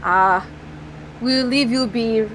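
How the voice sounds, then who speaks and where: A woman voicing an earnest, gentle goblin who speaks slowly in simple, broken phrases. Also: on the high side, a little hiss or hum, rough recording.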